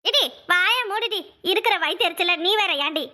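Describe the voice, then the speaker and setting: A woman's voice: very high-pitched, a little fast, heavy background noise. A woman voicing an indignant, accusing village housewife in a cartoon, with a Kanyakumari Tamil accent. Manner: complaining, accusing, shouting. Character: fiery robbed housewife, loud and indignant. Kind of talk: cartoon voice acting.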